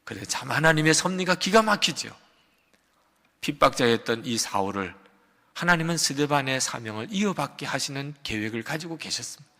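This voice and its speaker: Older guy pastor preaching, bright ringing voice, big swings up and down, long church echo. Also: animated, fairly quick. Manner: dynamic preaching, swings from loud emphatic peaks to quiet low asides; acts out a shouting quarrel in quotes. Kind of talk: sermon. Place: large church sanctuary. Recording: long hall reverb of a church sanctuary.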